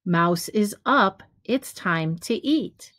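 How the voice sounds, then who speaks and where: A middle-aged teacher reads a children's picture book aloud in a small room at home, slowly and deliberately, pausing between phrases. Her voice is medium-pitched, expressive, and fairly bright, picked up by a webcam or device at arm's length with no room sound.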